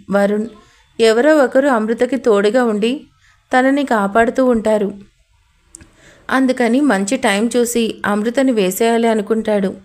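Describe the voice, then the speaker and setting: A woman narrating a family drama audio story in a steady, plain storytelling manner. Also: fairly high pitch.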